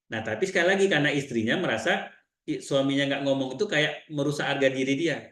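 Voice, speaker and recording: A man with an Indonesian accent giving a seminar talk, telling client stories in lively quoted dialogue. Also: mid-range voice, quick pace, echoey room. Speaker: seminar trainer.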